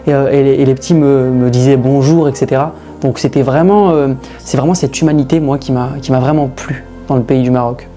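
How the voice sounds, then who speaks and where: A man's voice: mid-range voice, fairly even intonation, fairly quick, hardly any pauses, warm tone, soft background music. A man recounting his impressions to camera, hesitant and full of fillers. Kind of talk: testimonial to camera.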